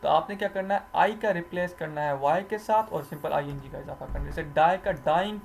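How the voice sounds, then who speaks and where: A man's voice: fairly high pitch, vocal fry, a little hiss or hum. Man teaching English grammar. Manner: explains slowly, repeats rules, asks and answers own questions. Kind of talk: recorded grammar lecture.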